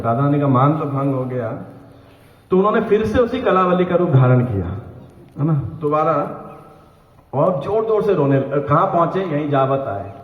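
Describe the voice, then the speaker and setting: Man telling temple stories in an echoey hall. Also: a little high. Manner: narrates devotional stories with quoted dialogue, frequent "है ना?". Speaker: pilgrimage guide. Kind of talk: storytelling lecture. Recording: echoey hall over a tinny phone-like line.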